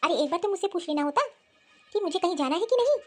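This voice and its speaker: Brief: woman doing a high, indignant young cartoon wife with a shrill edge. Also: animated, fast. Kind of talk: cartoon voice acting.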